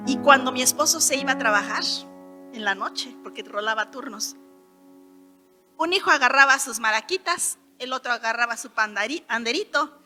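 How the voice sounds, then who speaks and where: A middle-aged Mexican woman from Hidalgo giving an emphatic sermon testimony, rising to loud declarations. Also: on the high side, normal speed. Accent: Mexican Spanish. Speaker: preacher. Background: soft keyboard music.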